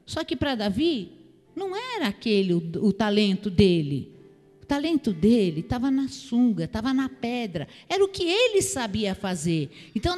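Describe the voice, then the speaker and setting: A woman's voice: fairly high pitch, darkish tone. A woman pastor with a Brazilian accent, preaching a sermon with emphatic rhetorical questions to the congregation. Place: church hall. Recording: long church hall reverb.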